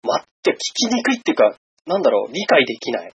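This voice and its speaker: A man's voice: mid-range voice, big pitch swings, racing, fairly bright tone, breathy edge, dry recording, muffled recording. A man from Hokkaido, a podcast host, chatting easily and laughing often. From Hokkaido, Japan. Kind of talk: casual chat.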